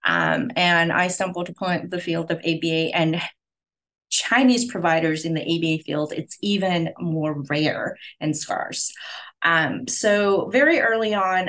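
A woman in her forties from Hong Kong, talking through her career in a relaxed podcast interview. Her voice sits fairly low, and she speaks in earnest, steady answers with frequent small pauses. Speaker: podcast guest, clinic owner.

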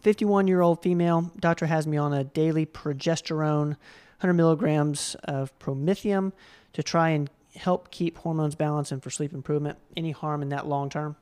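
Smooth, clear host, mid pitch, friendly live Q&A reader. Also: normal speed. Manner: relaxed, friendly, with frequent fillers. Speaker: host reading viewer questions.

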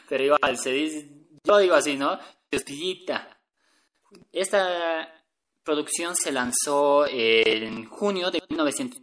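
A man's voice: mid-range voice, fairly bright tone. Chatty man, distant mic. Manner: chatty, hesitant, often adds a questioning "no?". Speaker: music channel host. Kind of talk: casual talk to viewers.

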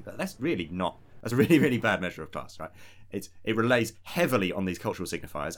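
Quick, low-voiced southern English man, modern accent. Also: fairly bright tone. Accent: modern British, southern English. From southern England. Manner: analytical, academic vocabulary in informal phrasing. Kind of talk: casual analytical political discussion.

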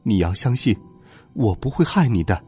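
A man voicing a cold, stern schoolkid who may be a robot, in an icy, flat manner, in a storybook reading. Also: medium pitch, moderate pace, slightly rough, faint music behind, pitched below the performer's own voice.

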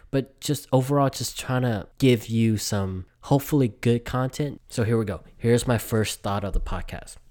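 A man's voice: on the low side, darkish tone. Rambling man from Vietnam, podcasting. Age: 20s. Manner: rambling, self-correcting storytelling. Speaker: podcast host. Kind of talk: casual solo podcast.

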